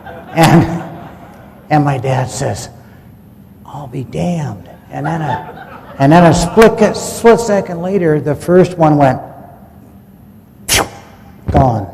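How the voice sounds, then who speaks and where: A man's voice: on the high side, slow pace, long pauses, a crowd in the background. Man telling a story in an echoey hall. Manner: folksy, plain-spoken, quotes his dad in dialogue. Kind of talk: recounted personal story. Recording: long hall reverb, faint ambient noise.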